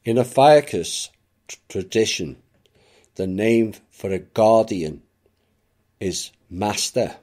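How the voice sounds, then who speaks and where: A man with a deep, low voice talks through a reflective monologue at a very slow, deliberate pace. His tone is mellow and dark, and he drops in occasional offhand asides. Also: animated. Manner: measured, unhurried, with occasional asides. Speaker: esoteric channel narrator.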